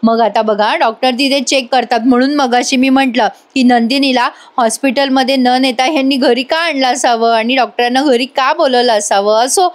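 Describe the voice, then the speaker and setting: A woman with a high voice narrates a chatty voice-over recap of a TV serial episode. She speaks directly to her viewers and retells each scene in turn. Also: fairly even intonation, normal speed, hardly any pauses. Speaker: TV serial reviewer.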